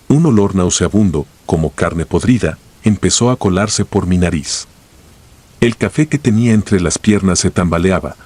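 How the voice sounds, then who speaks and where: Deep, husky man narrating horror. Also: darkish tone. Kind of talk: scripted first-person horror narration.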